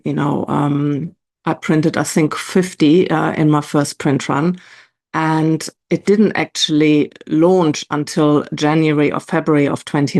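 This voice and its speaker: A woman's voice: low-pitched, a little mellow. A middle-aged woman, a planner designer and online entrepreneur, giving a casual, chatty product walkthrough to her camera, often using "you know" as a filler.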